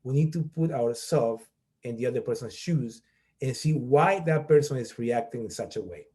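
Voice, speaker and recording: With a warm tone, medium pitch and moderate pace, a middle-aged college professor from Peru presents an online workshop. He explains step by step and keeps asking "okay?" along the way.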